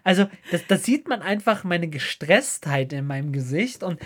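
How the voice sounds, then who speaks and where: Low-voiced young woman telling stories. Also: moderate pace. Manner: animated storytelling, acts out quoted lines, laughs often. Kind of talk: casual chat.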